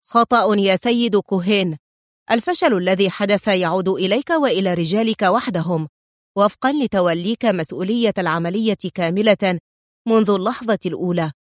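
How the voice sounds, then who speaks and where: A woman's voice: mid-range voice, animated, normal speed, darkish tone, no room sound, studio quality, natural voice. A woman reading the lines of a stern, sarcastic army general in an audiobook story, speaking clipped and severe. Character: stern proud army general, mocking then guarded.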